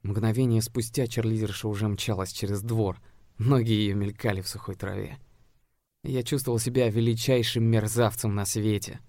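A man reads a first-person audiobook in a fairly low, steady voice with a measured pace. The recording is close and dry, with no room sound. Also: no room sound. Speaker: audiobook narrator.

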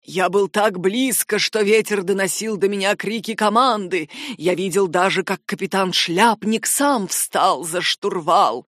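A woman voicing a grim, shaken nobleman with a hoarse, rasping voice, speaking in slow, halting phrases for an audiobook. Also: medium pitch, fairly bright tone, no echo, studio quality. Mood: grave. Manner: halting, heavy delivery. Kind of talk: audiobook character voice.

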